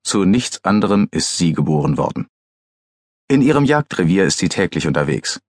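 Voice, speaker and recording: Low voiced guy reading a crime audiobook, calm, dry studio sound. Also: normal speed, no echo. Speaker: audiobook narrator. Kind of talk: scripted audiobook narration.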